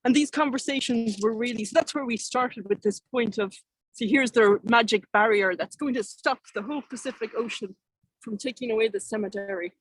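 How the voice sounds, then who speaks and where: A woman with an Irish accent speaks in a fairly high, husky voice. She gives a conversational keynote, rambling a little and correcting herself mid-sentence. The sound is dry and close, with hardly any room to it. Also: a little fast, no room sound, low-quality recording. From Ireland. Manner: hesitant, self-correcting, rambling delivery. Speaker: keynote speaker, artist and activist. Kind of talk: informal conversational keynote talk.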